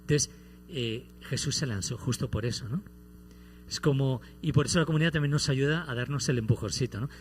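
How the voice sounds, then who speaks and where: Animated priest telling stories. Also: male voice, mid-range voice, brisk, slight background noise. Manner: animated storytelling with playful humor. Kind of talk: homily.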